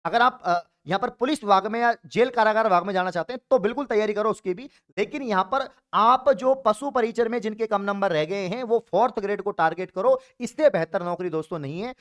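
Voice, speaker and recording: A man's voice: high voice, brisk, hardly any pauses, fairly bright tone. A man from Rajasthan, a coaching teacher giving an exam update online and encouraging his viewers, whom he calls friends and brothers. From Rajasthan, India. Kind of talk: YouTube exam update talk.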